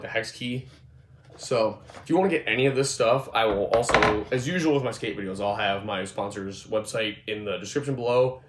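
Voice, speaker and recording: A man in his twenties with a cold-roughened, fairly low voice talks through his skateboard setup in a relaxed, meandering way, restarting often and leaning on fillers. He moves about an echoey room with a gym mat, recorded on a roaming phone or camera.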